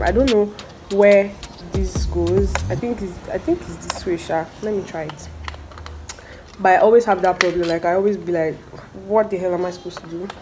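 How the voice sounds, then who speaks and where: A woman chatting bluntly while unboxing things at home, swearing casually. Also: mid-range voice. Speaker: vlogger.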